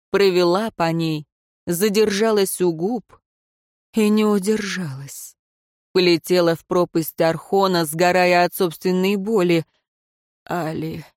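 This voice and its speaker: Low-voiced woman narrating a fantasy novel. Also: a little mellow, dry recording, studio quality. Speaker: audiobook narrator. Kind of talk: scripted narration.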